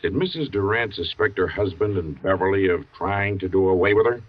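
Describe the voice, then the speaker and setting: An actor playing a brisk police captain in a 1940s radio thriller, firing questions on a dull old broadcast. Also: male voice, low voice. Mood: questioning. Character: brisk police captain, middle-aged man.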